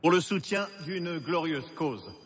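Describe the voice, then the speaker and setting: An actor playing a solemn, humble general in a game, declaiming a formal speech. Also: male voice, fairly high pitch, measured pace, husky. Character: solemn, humble male general addressing Congress. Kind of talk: formal oration, video game acting. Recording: reverberant hall, music behind. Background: music.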